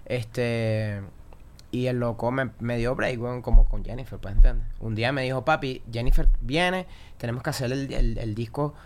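A young man with a Venezuelan Spanish accent tells stories in a loose, slangy way. His voice sits at a middle pitch, and he talks like he is chatting casually on a podcast. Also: moderate pace. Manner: slangy, animated anecdote telling. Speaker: singer-songwriter guest.

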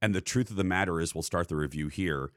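Podcast co-host, male, deep voice, dry close mic, easygoing banter with lots of "uh.". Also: quick pace, a bit bright, no echo. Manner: chatty, laughs easily, frequent fillers. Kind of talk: casual chat.

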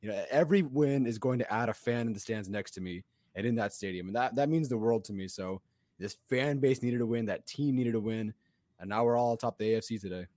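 Man hoarse from yelling, dry close sound. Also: mid-range voice, brisk, no room sound. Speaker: podcast co-host. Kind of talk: animated casual sports chat.

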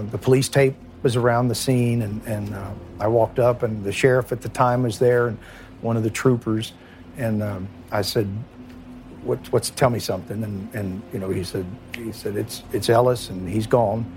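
A middle-aged man, a former police chief recalling a painful night in a halting, emotional way, often repeating words and dropping his voice. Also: fairly low pitch, a little hiss or hum. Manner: halting, repeats words, quiet and heavy at times. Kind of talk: emotional first-person recollection.

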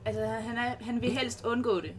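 A soft-spoken, halting guest who plays on a women's football team, chatting casually on a podcast. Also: medium pitch.

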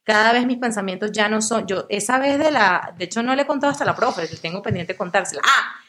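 Speaking at a quick pace in a mid-range voice, a young actress from Venezuela chats informally as an interview guest. She tells her stories with energy, performing the voices of the people she quotes.

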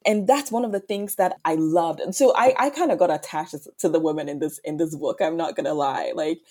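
A woman from Ghana speaks as a guest on a podcast interview, working through her answers thoughtfully. Her voice sits a little low and sounds warm and mellow. She often restarts her phrases and checks in with a quick "right?". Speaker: author and guest.

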